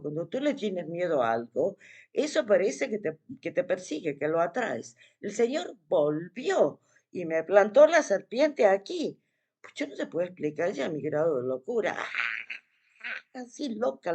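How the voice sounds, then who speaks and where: A woman speaking straight to her viewers in a relaxed, chatty way. Her voice swings widely up and down as she tells the story, with expressive emphasis and dramatic pauses. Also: lowish voice. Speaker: vlogger. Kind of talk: casual personal storytelling to the viewer.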